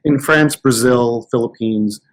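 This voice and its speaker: A man in casual podcast chat, telling anecdotes with animated restarts. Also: medium pitch, measured pace, low-quality recording. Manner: storytelling, animated, many restarts. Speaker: podcast guest.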